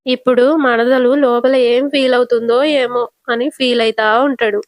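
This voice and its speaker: A woman's voice: on the high side, moderate pace, no echo. A woman retelling a TV serial episode as a reviewer, narrating steadily and quoting each character's lines. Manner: storytelling recap, steady narration. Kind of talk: retelling a TV episode with quoted dialogue.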